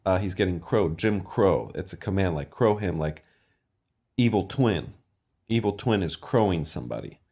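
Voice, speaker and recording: A man's voice: deep voice, animated, normal speed, a little mellow. A man talking in a rambling, hesitant monologue, full of fillers and trailing thoughts.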